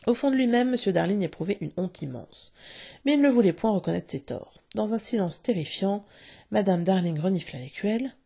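A woman reading a storybook aloud with expressive, lively narration. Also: mid-range voice, fairly quick, creaky, breathy edge.

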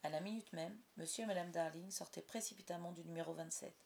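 A woman's voice: on the low side, brisk, gravelly, slight background noise. Woman narrating a storybook. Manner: expressive storytelling. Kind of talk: audiobook narration.

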